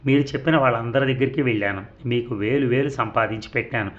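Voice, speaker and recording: A man's voice: medium pitch, quick pace, highs cut off, natural voice. A man voicing a wronged young woman who pleads and threatens through tears. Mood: angry, tearful.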